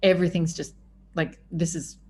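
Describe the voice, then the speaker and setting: A podcast host delivers a candid, effusive personal monologue, swearing freely and stretching words for emphasis. Her voice is on the low side and darkish, with fairly even intonation at a normal speed, and there's slight background noise.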